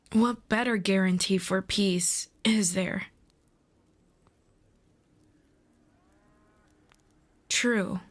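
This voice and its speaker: A woman plays a fantasy demon princess, proud and earnest, in an audio roleplay, and her mid-range voice takes a measured, reasoning tone. The princess argues her point formally and deliberately.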